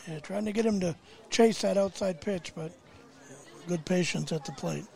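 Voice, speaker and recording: A man's voice: high voice, moderate pace, gravelly, darkish tone. A man giving casual live sports commentary as the color commentator at a baseball game.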